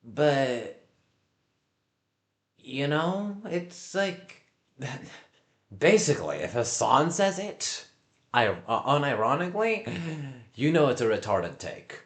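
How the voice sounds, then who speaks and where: Male reaction streamer, slow casual delivery with halting mocking asides, echoey room sound. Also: mid-range voice, very animated.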